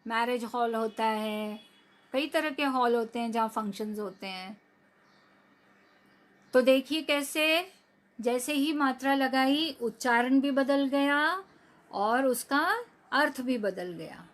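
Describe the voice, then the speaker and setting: Slow, patient woman teacher. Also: fairly high pitch. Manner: slow, drawn-out words for children to repeat after her. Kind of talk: recorded online class lesson.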